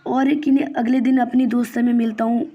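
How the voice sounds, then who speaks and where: A woman's voice: a little high, level tone, brisk, highs cut off. A woman casually telling a long first-person story, rambling and repeating herself with many fillers and restarts.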